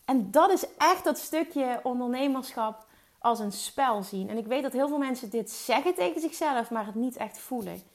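A woman hosting her own podcast, giving an energetic motivational talk about business and sprinkling in English words. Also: high voice, normal speed. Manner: energetic, mixes English words into Dutch, emphatic repetition. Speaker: podcast host and business coach.

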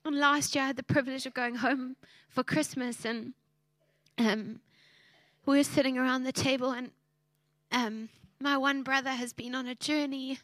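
A woman in her thirties gives a heartfelt, emotional sermon. Her voice sits high, and the sound is close and dry with little room around it. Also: steady tone, normal speed, fairly bright tone, no room sound. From South Africa. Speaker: preacher.

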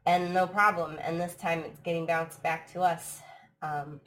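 Chatting casually on her live stream from home abroad, this American podcast host laughs a lot, her allergies making her a bit throaty. She speaks at a measured pace with a fairly low, level, slightly bright voice, though the audio is poor and has slight background noise.

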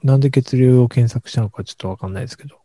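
A man co-hosting a casual podcast, talking in a low-key, mumbling, deadpan way. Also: racing, no room sound. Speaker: podcast co-host.

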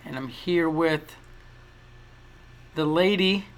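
A young man co-hosting a casual podcast, teasing his co-host with quick playful questions. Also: on the high side. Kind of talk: casual chat.

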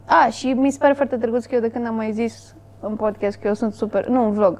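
Joking woman with a higher voice. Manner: relaxed, joking, swears casually. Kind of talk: casual chat.

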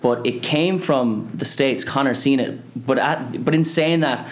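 Speaking at a measured pace in a medium pitch, this interview guest is a business co-founder in his twenties. He chats casually with a west of Ireland accent.

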